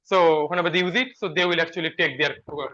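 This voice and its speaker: Guy talking fast and high on a work call, lots of uhs, dull lo-fi audio. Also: steady tone, sharp tone. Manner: halting, many fillers and restarts. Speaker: software developer. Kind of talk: video call work meeting. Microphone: video call.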